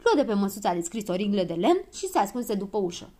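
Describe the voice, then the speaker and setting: Woman reading a kids' audiobook, expressive storyteller. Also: mid-range voice. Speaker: narrator. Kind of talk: children's audiobook narration.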